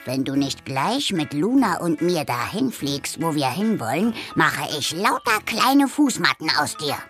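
A woman's voice: sits low, sing-song, unhurried, fairly bright tone, soft background music, full character voice. A woman voicing a cheeky, cocky male cat-bear creature in a storybook reading, with a bossy manner.

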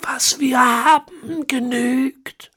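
A reader voicing a spiteful, scheming 101-year-old man in a high, whispery, cackling old voice, from an audiobook. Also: steady tone, extremely slow, pushed and bright, slightly rough, exaggerated voice.

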